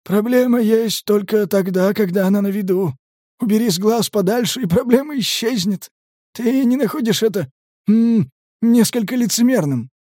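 A man voicing a husky, ironic mercenary medic who muses philosophically. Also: sits high, normal speed, warm tone, no echo, clean studio sound, voice pushed up. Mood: musing ironic. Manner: musing, ironic.

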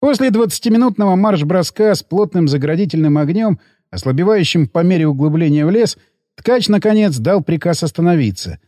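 A man narrating an audiobook in a gruff, coarse first-person voice. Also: high-pitched, lively intonation, fairly quick, warm tone, no room sound, studio quality.

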